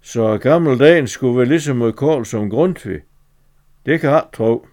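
A man's voice: mid-range voice, darkish tone, lightly acted. A man reading a scolding farm wife. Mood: doubtful. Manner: scolding, teasing. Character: sharp-tongued farm wife, quarrelsome.

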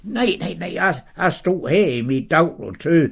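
A man's voice: on the high side, lively intonation, vocal fry, breathy edge, voice pushed up, heavily acted. A man voicing Sara, a shy, giggly old woman, in a stammering, flustered way.

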